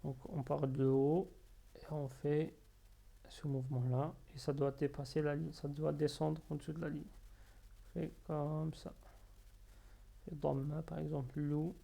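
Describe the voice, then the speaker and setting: A male teacher takes his time, pausing between each syllable and repeating them so learners can follow along. His voice is on the higher side for a man, but it sounds mellow and has a gravelly fry. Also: little pitch movement. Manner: patient, drills syllables slowly and repeats them. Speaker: Arabic reading teacher. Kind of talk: slow step-by-step lesson.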